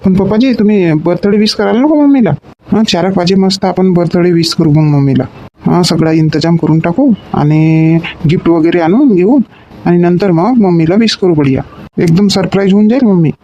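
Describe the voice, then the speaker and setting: An actor playing a grown son at home in a comedy sketch, pleading and repeating words. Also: male voice, high-pitched, normal speed, dark tone. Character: grown sons at home, eager and scheming. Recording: dull lo-fi recording with faint noise.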